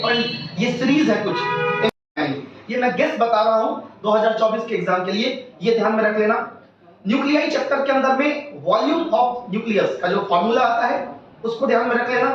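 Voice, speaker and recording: A man's voice: very high voice, fairly bright tone, a little hiss or hum. A man who teaches physics, giving emphatic exam tips as an interview guest and rattling off lists of topics. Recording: echoey, distant, dull room sound.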